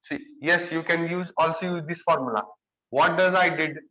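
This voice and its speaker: A man's voice: a little high, normal speed, sharp tone, echoey room, poor audio. A young man with a Marathi accent giving an exam-prep lecture, repeating key phrases and stressing words. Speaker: engineering lecturer.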